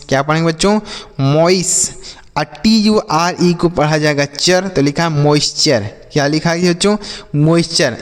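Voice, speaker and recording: Guy teacher with a high voice walking kids through spelling, asks then answers himself, long echo. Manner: spells letters slowly, then asks and answers his own questions. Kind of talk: spelling and reading lesson for children.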